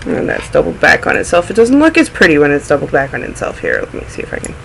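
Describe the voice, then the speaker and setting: Fast and creaky, this fairly high-pitched, fairly bright voice swoops wildly in pitch, with a little hiss or hum in the background. The speaker, a snuffly man with a cold, rambles off on tangents while showing his projects on a casual, chatty knitting video podcast.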